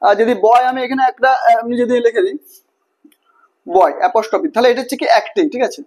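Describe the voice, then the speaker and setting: A man's voice: extremely high pitch, fast talker, darkish tone. A man teaching English grammar, repeating himself, spelling words letter by letter and checking in with the class often.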